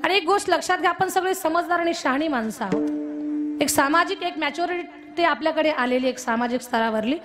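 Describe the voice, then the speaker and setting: A woman's voice: high-pitched, a little fast, music in the background. A woman giving a humorous devotional kirtan sermon, telling jokey stories and drawing out chanted verse lines. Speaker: kirtan preacher.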